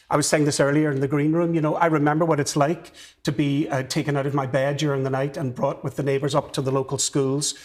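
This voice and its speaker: A man from West Belfast with a Northern Irish accent argues on a television panel. He talks quickly and presses his points insistently, often cutting across others. His voice sits a bit high for a man. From Northern Ireland, West Belfast. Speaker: panel guest. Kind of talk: heated studio panel debate. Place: television studio.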